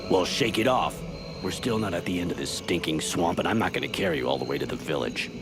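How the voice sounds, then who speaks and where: Deep, angry, barking mercenary. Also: male voice, very animated, quick pace, gravelly, full character voice. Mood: angry, impatient. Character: gruff, angry, bullying mercenary comrade, barking impatient orders. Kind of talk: video game character acting. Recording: music behind the voice.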